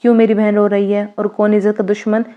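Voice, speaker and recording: A woman's voice: medium pitch, muffled recording, natural voice. A woman voicing a stern but caring older brother who reassures his sister, read in her own voice in a spoken story. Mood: protective. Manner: calm, reassuring, firm.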